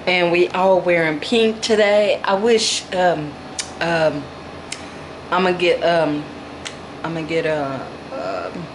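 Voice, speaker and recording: Slow, low-voiced woman cooing over her dolls. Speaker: vlogger showing her reborn doll nursery. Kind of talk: casual chat to camera and to her dolls. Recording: noisy home recording with air conditioner hum.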